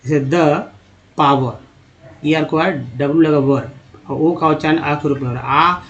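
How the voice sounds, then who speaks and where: A man's voice: fairly high pitch, steady tone, normal speed, fairly bright tone, muffled recording. A man teaching English reading in a slide lesson, spelling out letter groups and sounding out each part, talking to viewers as friends. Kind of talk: slide-based spoken lesson.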